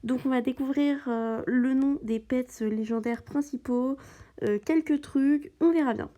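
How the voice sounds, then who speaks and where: A woman's voice: high-pitched, a little slow, warm tone, muffled recording. A woman giving casual gameplay commentary, hesitant and full of fillers and restarts as she talks through the game. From French-speaking. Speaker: gaming channel host.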